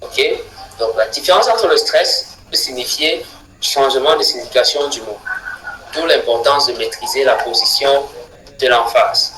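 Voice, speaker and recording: A man giving an English pronunciation lesson, repeating each word slowly with deliberate stress. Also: medium pitch, bright, forceful tone, echoey room, low-quality recording. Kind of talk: slow spoken lesson.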